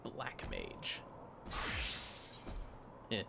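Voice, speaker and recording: A man speaks extremely slowly over loud music while livestreaming a video game, muttering to himself as he plays. His talk mixes casual gameplay chat with reading dialogue aloud.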